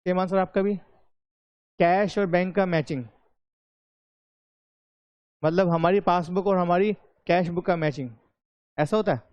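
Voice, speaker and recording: A man's voice: high voice, unhurried, long pauses, clear, resonant tone, no room sound, highs cut off. A man with an Indian accent teaching an online accountancy class, chatty and coaxing his students to reply.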